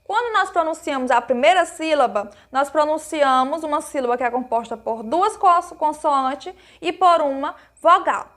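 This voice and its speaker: In a recorded grammar lesson for young children, a Brazilian primary school teacher speaks in a high, light, slightly bright voice. She patiently and slowly walks through each point, poses questions to her pupils and answers them herself, affectionately using lots of diminutives.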